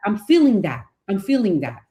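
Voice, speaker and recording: A woman's voice: medium pitch, sing-song, brisk, dark tone. A woman co-hosting a podcast, chatting casually with lots of fillers and enthusiasm. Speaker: podcast co-host. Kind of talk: casual chat.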